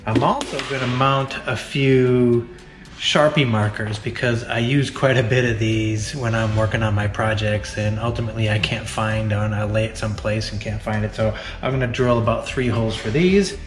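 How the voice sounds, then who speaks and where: A man's voice: on the low side, fairly even intonation, normal speed. A man in his forties giving plain, practical step-by-step welding instruction in a large metal workshop. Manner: practical, plain-spoken, explains each step. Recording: echoey workshop with faint music.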